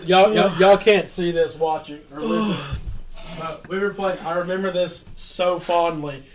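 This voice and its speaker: A man telling stories in a casual podcast chat, animated and laughing as he acts out quotes. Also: high-pitched, moderate pace, a crowd in the background. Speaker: podcast host.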